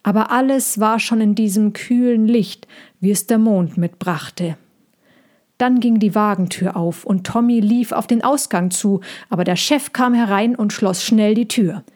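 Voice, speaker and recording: A woman narrating a children's storybook in a gentle, even way. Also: medium pitch, unhurried. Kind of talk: storybook reading.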